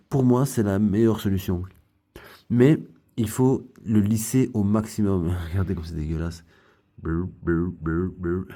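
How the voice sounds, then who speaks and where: A man gives a casual hands-on tutorial. His voice sits deep and mellow. He rambles, jokes, and fills pauses freely. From Belgium. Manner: rambling, joking, chatty with many fillers. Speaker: aquarium hobby tutorial host.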